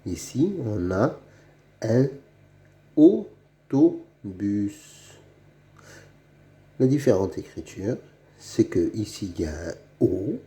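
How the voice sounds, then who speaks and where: A man's voice: on the low side, sing-song, takes it slowly, long pauses, mellow. A man giving a reading lesson for children, saying each word twice and spelling out its sounds letter by letter. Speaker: reading teacher.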